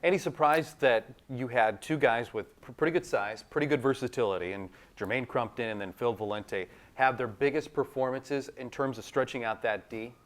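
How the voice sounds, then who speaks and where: A man hosts a college sports radio show in a mid-range voice. He questions the coach and pitches ticket deals with upbeat emphasis. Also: moderate pace, hardly any pauses. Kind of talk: sports radio host, promotional reads.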